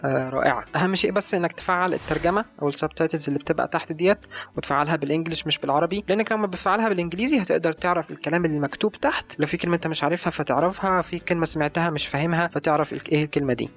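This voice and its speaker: Rapid-fire Egyptian man giving tips. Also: fairly high pitch, a bit bright. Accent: Egyptian Arabic. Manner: rapid, earnest recommending. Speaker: language-learning YouTuber. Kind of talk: casual advice video.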